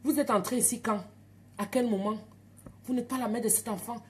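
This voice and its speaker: A woman voicing a suspicious midwife who interrogates a new mother with sharp, repeated questions. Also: on the high side, fairly even intonation, a little fast, voice pushed up, natural voice.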